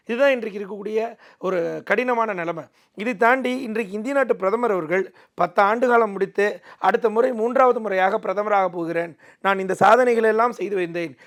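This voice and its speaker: A man speaks in a distinctly high register with a lot of gravelly creak. He argues politics as an interview guest in an emphatic, oratorical way. He often repeats a phrase to drive the point in. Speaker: political commentator, debate guest.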